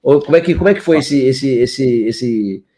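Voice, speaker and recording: Man, podcast host, video call, relaxed, slangy, mid pitch. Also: normal speed. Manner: laid-back, slangy. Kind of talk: casual podcast chat. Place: home in Portugal.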